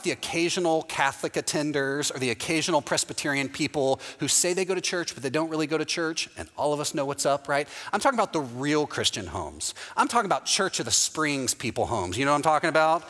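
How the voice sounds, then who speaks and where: A man's voice: fairly high pitch, a bit bright. A man from Texas preaching a sermon as pastor, telling a story and often asking the congregation "right?". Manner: storytelling with quoted voices, often asks the audience "right?". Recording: long hall reverb.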